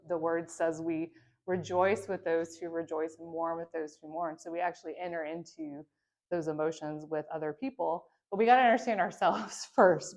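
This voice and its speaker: A woman with a lowish voice gives a church training lesson. She talks in a loose, conversational way, checking in with her listeners and drawing on her own experience. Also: a little mellow. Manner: conversational, many fillers and tag questions; reflective, speaks from own experience. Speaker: teacher of a church training course. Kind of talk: teaching a lesson.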